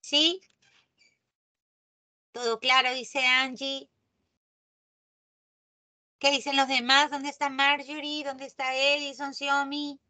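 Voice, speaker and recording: A woman teaching a live online class in a high, bright-sounding register. She moves at an unhurried pace and lingers on key terms. She keeps asking her students whether they are following along. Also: little pitch movement. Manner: checks in often with students, stresses key terms slowly. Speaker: language teacher.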